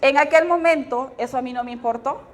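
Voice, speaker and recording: A middle-aged woman with a Honduran accent tells her life story to a gathered audience in a slightly high voice. She keeps turning to her listeners with little tag questions as she goes. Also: brisk. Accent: Honduran Spanish. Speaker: testimony speaker at a women's fellowship meeting. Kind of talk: personal testimony to a live audience.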